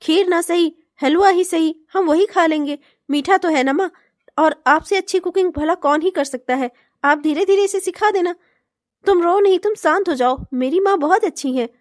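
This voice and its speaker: A gentle young cartoon husband and peacemaker, voiced by a woman who speaks in soothing, reassuring tones. The voice stays very high despite the male figure, and it is dry and close. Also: normal speed, no room sound. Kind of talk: comic cartoon voice acting.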